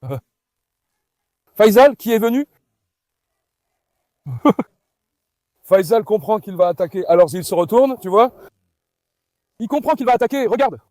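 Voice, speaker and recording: Male farm vlogger, high voice, dry close sound, keeps coaxing and calling the dogs. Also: animated, measured pace, long pauses, darkish tone, no room sound. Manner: coaxing, calls to the dogs while talking to viewers. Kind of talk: casual vlog commentary.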